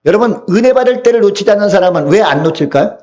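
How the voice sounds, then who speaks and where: Male pastor preaching in church, mellow tone, keeps asking the crowd questions, slightly higher voice. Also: expressive, rapid-fire. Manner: rhetorical questions to the congregation, acts out quoted voices. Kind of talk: sermon. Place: church sanctuary.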